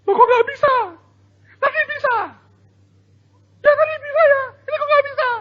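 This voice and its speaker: A preacher voicing a small eager boy who cries easily, in high squealing childish tones. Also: level tone, normal speed. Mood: tearful dismay. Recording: dull lo-fi sermon recording.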